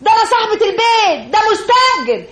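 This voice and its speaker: A woman's voice: very high voice, sing-song, fast talker, fairly bright tone, roomy sound, a little hiss or hum, heavily acted. An actress playing an irate middle-aged Egyptian landlady who gives orders indignantly. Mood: angry. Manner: indignant, commanding.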